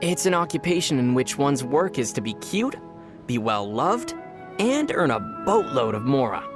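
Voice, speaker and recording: An actor playing a calm young male traveler hero in a video game who answers in a dry, deadpan way. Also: medium pitch, normal speed, over music, close to an everyday voice. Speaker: player character. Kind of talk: video game character banter.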